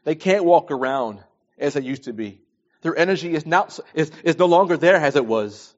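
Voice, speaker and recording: On a dull lo-fi recording, a man in his early forties gives a sermon built on scripture readings and plain advice. His voice sits on the high side, animated and at normal speed, and he stresses points emphatically by repeating phrases.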